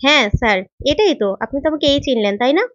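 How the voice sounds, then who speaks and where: Woman reading a touchy young woman student, high voice, dry dull recording: serial recap. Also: expressive, racing, fairly bright tone, dry recording. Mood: defiant.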